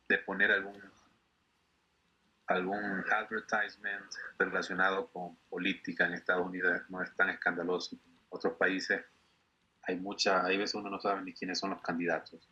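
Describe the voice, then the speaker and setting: A man from Ecuador, teaching an online class and patiently repeating words slowly for his students. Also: deep voice, sharp tone, husky, highs cut off. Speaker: English teacher.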